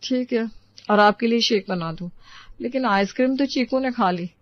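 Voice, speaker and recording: A woman's voice: on the high side, moderate pace, dry recording, muffled recording, lightly acted. A woman voicing a meek, dutiful young sister-in-law in a storybook tale. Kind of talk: storybook voice acting.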